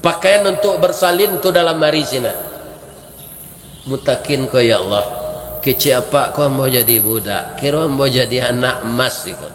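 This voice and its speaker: Lively Minang-accented preacher in echoey mosque. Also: male voice, mid-range voice, moderate pace, a little hiss or hum. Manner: lively, rhetorical, keeps asking "right?". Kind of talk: humorous storytelling sermon.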